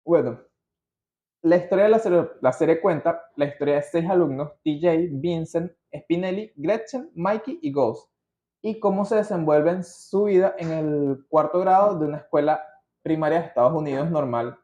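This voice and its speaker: Reading loosely from his notes, a Venezuelan-accented podcast host wanders off on slangy tangents. His voice sits on the high side and is warm, his speed normal, and the audio is muffled with a roomy quality.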